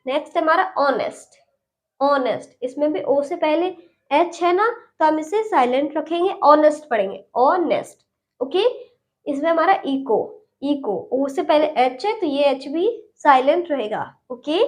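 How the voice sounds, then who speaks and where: High-voiced woman teaching English patiently. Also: lively intonation, measured pace. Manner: patient, repeats each word and ends points with "okay". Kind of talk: online English lesson.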